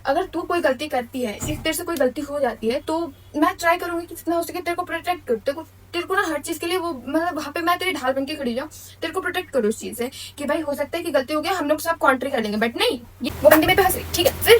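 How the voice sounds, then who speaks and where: A woman's voice: sits high, quick pace, distant mic, slight background noise. A young woman vlogger venting in a blunt, slangy storytime monologue, mixing English phrases into her speech.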